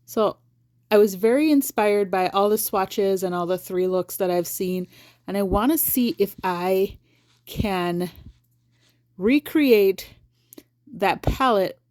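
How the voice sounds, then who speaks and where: A woman's voice: mid-range voice, slow, long pauses, darkish tone. A woman beauty vlogger talking casually to her viewers, thinking aloud and correcting herself mid-sentence as she sorts her makeup. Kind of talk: casual rambling chat to camera.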